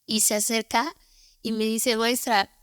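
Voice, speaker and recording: A woman's voice: on the high side, level tone, measured pace, a bit bright, clean tone, no echo, clean studio sound. A young adult woman, a teacher, telling stories earnestly and often tagging her points with a questioning "¿no?". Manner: earnest, repeats words, tags with "¿no?". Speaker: guest, teacher. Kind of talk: conversational storytelling.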